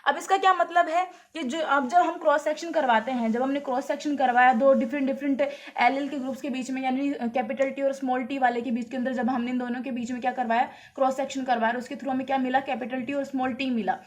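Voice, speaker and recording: A woman's voice: sits high, fairly even intonation, fast, few pauses. A woman teacher explaining at a whiteboard, asking herself questions and answering them, and repeating key points. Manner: asks rhetorical questions then answers them. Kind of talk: whiteboard lesson.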